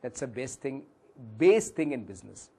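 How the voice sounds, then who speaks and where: A man at medium pitch swings widely in intonation at a normal pace, his warm voice marked by vocal fry and breathiness. Teaching a valuation workshop with an Indian English accent, he addresses the room as sir, uses Hindi phrases, and his voice sometimes cracks while he takes questions from the audience.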